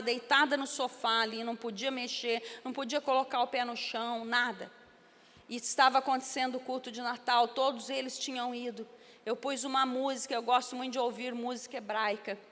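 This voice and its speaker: A woman's voice: on the high side, a bit bright. A woman pastor preaching a testimony sermon in an emphatic, dramatic storytelling manner. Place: large church hall. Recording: echoey church hall.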